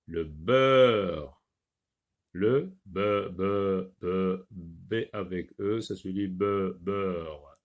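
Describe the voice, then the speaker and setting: A man teaching young children from a reading workbook, slowly sounding out words and repeating each sentence with patience. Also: low-pitched, steady tone, darkish tone.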